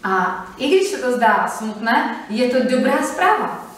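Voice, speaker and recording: A woman interpreting a sermon phrase by phrase, fluent and steady with brief hesitations, also reading scripture aloud. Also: a little high, slight background noise. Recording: echoey hall from far off.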